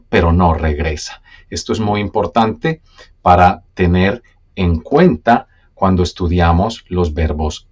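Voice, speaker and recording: A low-voiced man gives a patient, step-by-step grammar lesson, repeating key words and checking that the learner keeps up. His pitch swings lively up and down, and his voice is slightly husky. The recording sounds a little dull and lo-fi. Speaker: Spanish teacher.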